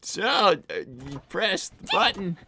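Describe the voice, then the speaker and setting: With background noise behind it, a medium-pitched, sing-song voice takes things slowly. The streamer hosting this live show performs a flustered young boy fox cartoon character, stammering and repeating words in a puzzled way during a game livestream.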